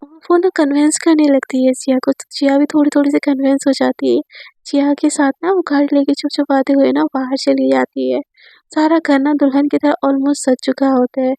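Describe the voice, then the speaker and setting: A woman's voice: high voice, level tone, moderate pace, gravelly, mellow, dry recording. A woman retelling a romance story in a casual, chatty way, full of fillers. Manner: chatty, many fillers, voices characters' lines in her own voice.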